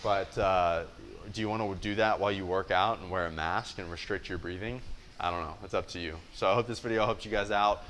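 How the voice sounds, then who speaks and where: A young American man with a slightly low voice explains in a blunt, conversational way, like a coach at a whiteboard. He often checks in with the listener, and there is light noise in the gym space around him. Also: a little fast, fairly bright tone. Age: young adult. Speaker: fitness coach presenting.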